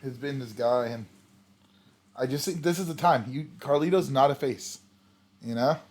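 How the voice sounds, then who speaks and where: A man's voice: mid-range voice, moderate pace, a little mellow. Podcast guy, medium voice, keeps agreeing, kinda hesitant. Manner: agreeable, repeats others, hesitant starts. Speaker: podcast co-host. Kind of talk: casual chat.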